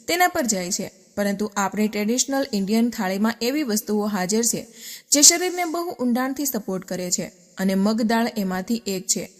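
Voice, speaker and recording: A woman's voice: on the high side, long reverb tail. A woman narrating a scripted health explainer, asking rhetorical questions and then answering them. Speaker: health channel presenter.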